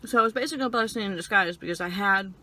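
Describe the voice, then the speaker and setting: A young woman telling personal stories casually while eating and chewing, in halting phrases peppered with "like". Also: medium pitch, bright, forceful tone, rough recording. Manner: frequent filler "like", halting stop-and-start phrasing. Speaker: vlogger. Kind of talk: casual personal storytelling chat.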